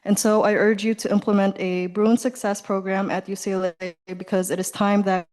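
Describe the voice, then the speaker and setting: A woman's voice: medium pitch, flat delivery, normal speed, darkish tone. A young woman, out of breath after running in, giving an earnest public comment at a student council meeting.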